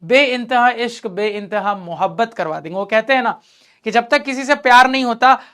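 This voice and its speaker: A man's voice: very high voice, lively intonation, normal speed, a bit bright, clean tone. A man teaching math in an online class, encouraging his students and repeating key points while talking to them directly.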